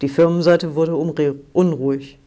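A man's voice: on the high side, fairly even intonation, moderate pace, mellow. A man reading a novel aloud as a narrator, voicing the characters' lines with only small changes to his voice. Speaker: audiobook narrator.

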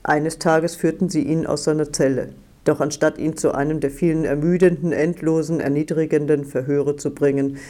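Man reading an audiobook, slow and deliberate, mellow, kinda high voice. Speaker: audiobook narrator. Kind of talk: scripted narration.

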